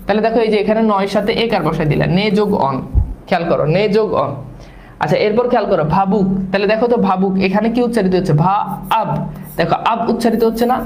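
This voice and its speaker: High-voiced male teacher, echoey room. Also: darkish tone. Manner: repeats sounds slowly, asks students questions. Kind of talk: grammar lesson.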